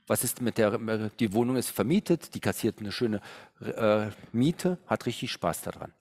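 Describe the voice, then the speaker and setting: A man's voice: fairly low pitch, normal speed. A middle-aged man coaching on real estate investment, telling stories and working through figures on slides while humming as he thinks. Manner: animated storytelling, thinking aloud with hums. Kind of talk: seminar talk with slides.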